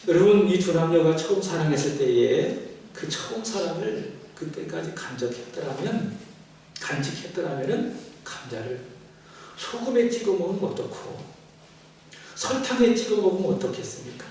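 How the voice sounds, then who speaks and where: Male preacher, storytelling sermon voice, a bit high, distant mic with faint ambience. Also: very animated, moderate pace, darkish tone, a little hiss or hum. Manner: storytelling, addresses the congregation directly. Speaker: pastor. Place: church sanctuary. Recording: echoey church from a distance.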